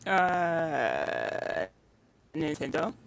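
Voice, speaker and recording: A woman chatting casually on a live stream through a choppy, glitchy online call, flustered and halting. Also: deep voice, wildly swooping pitch, gravelly, a little hiss or hum. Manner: flustered, talks in halting restarts. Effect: choppy, glitchy online call connection. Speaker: co-host. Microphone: online call from a computer.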